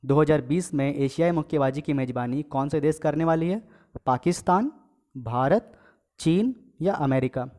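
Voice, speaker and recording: Higher-pitched male tutor quizzing viewers. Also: moderate pace, warm tone. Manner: reads questions and options aloud, then gives the answer; repeats each question and adds filler checks like "okay". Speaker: exam coaching teacher. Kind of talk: casual quiz lesson.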